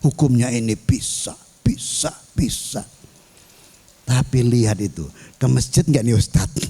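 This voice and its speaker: A man's voice: fairly low pitch, mellow, husky. A male cleric delivering a sermon in a humorous way, often throwing questions to his audience. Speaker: cleric and mosque council chairman.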